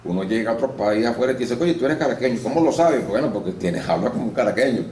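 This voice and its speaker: Quick-paced and medium in pitch, the speaker is a Venezuelan actor and voice-over artist being casually interviewed. He explains things at length with animated storytelling and a few restarts, in a roomy room with faint noise.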